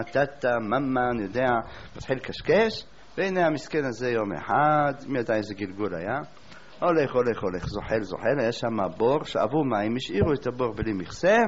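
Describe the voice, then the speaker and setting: A man preaching a sermon, telling a story as a lively storyteller who asks rhetorical questions. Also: mid-range voice, a little hiss or hum. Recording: dull lo-fi recording.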